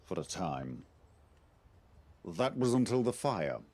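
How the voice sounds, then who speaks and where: A man playing a composed knightly officer in a game, speaking formally and deliberately as he recruits and instructs. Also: deep voice, sing-song, a little mellow, exaggerated voice. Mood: grave, measured. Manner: formal, measured, articulate. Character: measured Arthurian knight-officer recruiting an outsider to investigate. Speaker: quest-giving game character. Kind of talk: scripted game dialogue.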